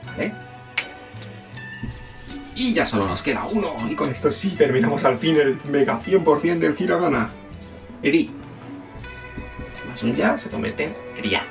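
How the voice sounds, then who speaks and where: A man's voice: a little high, sing-song, moderate pace, creaky, long pauses, distant mic, over music. A man teaching a casual spoken language lesson, chatty and self-correcting, often checking in with his listeners.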